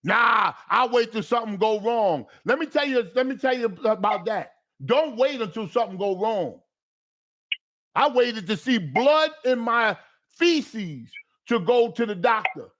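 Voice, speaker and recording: A man's voice: very high voice, animated, a little slow, fairly bright tone. A man hosting a call-in show, talking in an emphatic, fired-up rant with frequent restarts. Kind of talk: casual chat.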